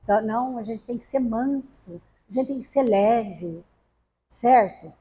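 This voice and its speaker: A woman's voice: fairly high pitch, measured pace, dark tone. A middle-aged woman from Brazil giving a spiritist talk, telling stories with humor and acting out quotes. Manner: storytelling with acted quotes and humor. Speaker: spiritist lecturer. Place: spiritist center hall.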